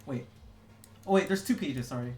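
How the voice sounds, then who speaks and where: A young adult streamer draws while reading chat, talking casually in a mid-range, darkish voice at normal speed. The talk rambles, full of "like" and self-corrections or restarts, and the recording has a roomy echo.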